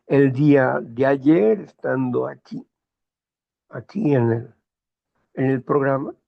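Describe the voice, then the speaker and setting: A man hosting a morning talk program, speaking in a slow, measured, moralizing monologue with personal anecdotes. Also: medium pitch, gravelly, highs cut off. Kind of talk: reflective monologue.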